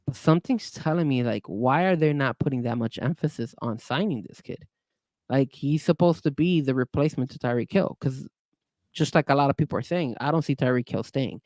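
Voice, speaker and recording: A man co-hosting a casual sports podcast, talking in an animated way with frequent restarts and hedges. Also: mid-range voice, fairly quick, no echo. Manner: animated, hedging, many restarts. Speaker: podcast co-host.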